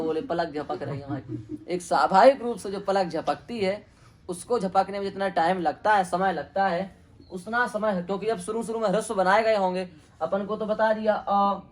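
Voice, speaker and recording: A man teaching a Sanskrit grammar lesson, asking questions and answering them himself, repeating each term. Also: high-pitched.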